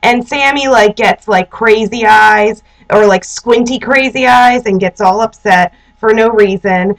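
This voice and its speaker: A woman's voice: fairly high pitch, measured pace, low-quality recording. Chatty, sarcastic young woman vlogger. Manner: chatty and sarcastic, heavy use of "like". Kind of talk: casual TV recap and advice. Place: indoors, sitting on a chair.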